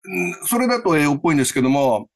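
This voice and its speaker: A man who teaches English pronunciation, explaining his method in an interview with a lively, explanatory manner. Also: on the high side, rapid-fire. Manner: lively, explanatory, many fillers.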